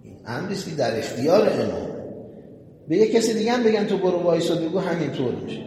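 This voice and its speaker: High-voiced male preacher in echoey hall. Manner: addresses the audience directly, animated retelling. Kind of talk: sermon with storytelling. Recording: echoey hall with long reverb, faint noise.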